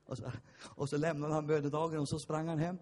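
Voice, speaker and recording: Telling stories and voicing their characters, this preacher delivers an impassioned sermon that swells into shouts. His voice is on the high side, a little mellow and level in tone, heard through long hall reverb.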